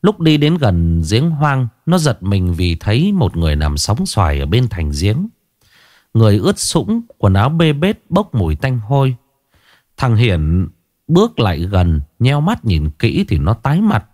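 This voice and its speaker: A male storyteller reading a horror tale in a dramatic, scripted way. His pitch swings in a lively way, and the recording is dry and close. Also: measured pace, no echo.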